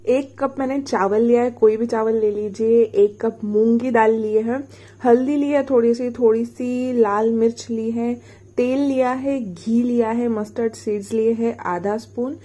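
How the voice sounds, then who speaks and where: A woman's voice: a little high, warm tone. A woman, hosting a casual cooking tutorial and explaining each step as she cooks. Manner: chatty, explains each step while stirring. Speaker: cooking channel host. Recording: noisy kitchen with frying sizzle.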